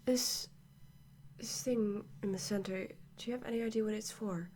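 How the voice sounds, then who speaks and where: Monotone female archaeologist played by an ASMR performer, calm and absorbed, hushed ASMR role-play, medium pitch, close mic with clear noise. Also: normal speed, natural voice. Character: woman archaeologist, calm and absorbed, examining a mysterious artifact. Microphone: close microphone.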